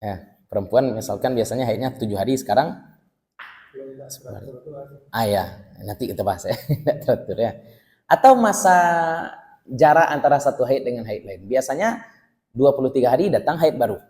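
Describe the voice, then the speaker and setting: A man's voice: medium pitch, expressive, brisk, pauses often, a little mellow. Man teaching in an echoing hall. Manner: reads Arabic text then translates line by line, conversational asides. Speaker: Islamic teacher. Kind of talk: religious book study lecture. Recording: long hall reverb.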